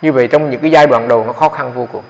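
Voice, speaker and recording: A male monk explains meditation to his students in a loose, talky way, circling back and repeating words as he goes. His voice sits at a middling pitch and carries a long echo from the hall, captured on a dull, lo-fi recording. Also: steady tone, rapid-fire, gravelly. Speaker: Buddhist monk teaching meditation. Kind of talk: dharma talk to meditators. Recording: echoey hall, dull lo-fi sound.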